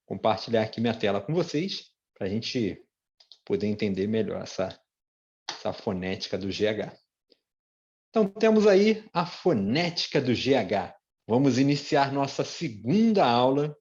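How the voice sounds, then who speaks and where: A man with a Brazilian Portuguese accent teaching English pronunciation in an online lesson, repeating example words slowly with chatty asides. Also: medium pitch, big pitch swings, darkish tone, muffled recording. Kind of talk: online lesson with shared screen.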